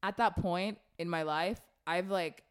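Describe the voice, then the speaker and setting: A woman's voice: lowish voice, measured pace, clean tone. A young woman from Canada co-hosting a podcast, telling a story in casual chat with lots of laughter and filler words. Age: 20s. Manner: animated, laughing, many "like" fillers. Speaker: podcast co-host.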